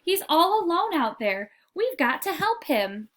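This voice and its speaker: A woman's voice: very high voice, sing-song, a little slow, a bit bright, voice pushed up, heavily acted. A woman voicing a caring, brave young male fish in a storybook read-aloud. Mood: worried.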